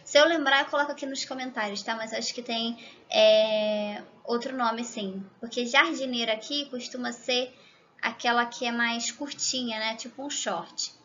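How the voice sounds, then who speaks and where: A Brazilian woman from Rio de Janeiro with a Rio accent, teaching a language lesson to camera, chatty and checking in often with the viewer, slowing down to exaggerate pronunciation. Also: a little high, steady tone, bright, forceful tone, muffled recording. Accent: Rio de Janeiro Portuguese. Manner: slow, exaggerated demonstration of pronunciation. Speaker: Spanish teacher.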